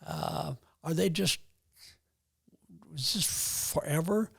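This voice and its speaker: Very old man, about ninety, husky and slightly high, halting, thoughtful interview talk. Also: a bit bright. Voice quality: very old man's voice, gravelly and husky. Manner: halting, pausing to think. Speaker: podcast guest, retired pastor.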